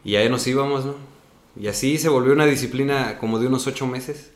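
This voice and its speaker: A man's voice: mid-range voice, fast talker, roomy sound. A young man with a Mexican accent, telling his acting story in a casual interview, ending many phrases with "¿no?". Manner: animated storyteller, tags sentences with "¿no?".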